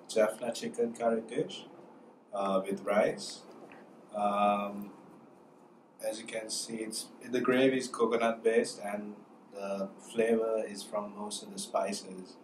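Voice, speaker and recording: A young man calmly explaining a recipe, listing ingredients with many ums and uhs. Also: fairly low pitch, slow pace. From Sri Lanka. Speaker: cook showing a recipe. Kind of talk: casual cooking demonstration. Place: small indoor room, student kitchen. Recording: echoey room, mic far off, noisy.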